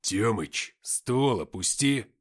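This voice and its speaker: A man voicing a gruff male squad commander who barks orders. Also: mid-range voice, very animated, measured pace, voice pushed up. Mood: commanding.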